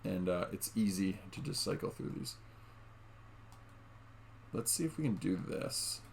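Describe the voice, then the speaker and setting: A man's voice: low voice, animated, unhurried, creaky, slight background noise. A man giving casual gameplay commentary at home, chatty and talking straight to his viewers with lots of fillers. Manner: chatty, addresses viewers as guys, many fillers. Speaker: gaming YouTuber. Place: home room.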